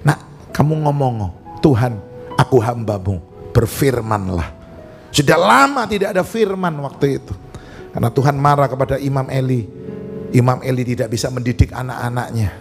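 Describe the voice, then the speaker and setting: Animated preaching man, faint music behind. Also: medium pitch, normal speed, gravelly. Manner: animated storytelling with jokes, questions to the congregation. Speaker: pastor. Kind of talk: sermon. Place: church service.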